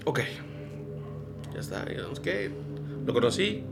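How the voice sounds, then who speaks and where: A man with a Mexican accent, a podcast guest, telling stories in an excitable, rambling way. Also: fairly high pitch, a little slow, vocal fry, music in the background. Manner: excitable, rambling, restarts sentences. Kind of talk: casual chat.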